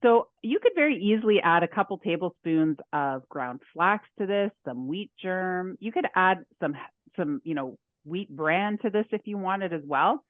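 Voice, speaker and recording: A woman's voice: lowish voice, lively intonation, moderate pace, dry recording. A woman home economist giving a chatty cooking demonstration, talking through each step as she works. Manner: chatty, laughs often, talks through her steps. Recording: dry tinny phone-like audio.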